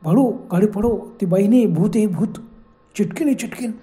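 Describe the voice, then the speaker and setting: A man's voice: high-pitched, moderate pace, warm tone, lightly acted. Man doing a scared villager urging flight. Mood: urgent. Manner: urgent, anxious commands. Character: frightened rural young man, urging flight.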